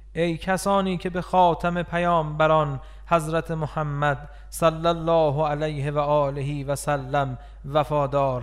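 Guy reading a religious text out loud, smooth clear voice, kinda high, mournful and earnest. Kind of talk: solemn scripted reading.

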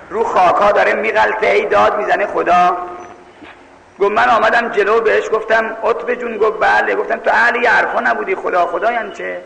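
A man's voice: high voice, gravelly. Preacher guy from mashhad, scolding storyteller, long hall reverb. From Mashhad, Iran. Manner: animated, scolding. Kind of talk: sermon storytelling.

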